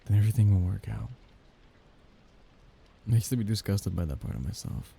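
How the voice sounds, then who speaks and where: A man whose voice leans low and animated plays a young mafia heir, possessive and doting, in an intimate ASMR romance roleplay. Halting and soft-spoken with breathy chuckles, he sounds earnest and possessive; slight background noise is present.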